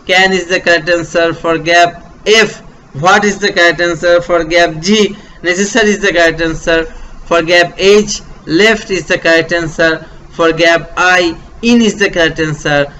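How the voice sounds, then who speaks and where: Bangladeshi man, English tutor, high bright voice, unhurried drill-style delivery with "uh" fillers, faint hiss. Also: rough recording. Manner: slow, repetitive, step-by-step explaining with fillers. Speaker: teacher. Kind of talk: online English grammar lesson.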